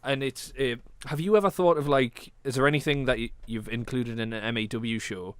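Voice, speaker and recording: A man's voice: medium pitch, fairly quick, clean tone, dry recording. A man hosting a casual interview, rambling and repeating words as he searches for phrasing. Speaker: podcast host.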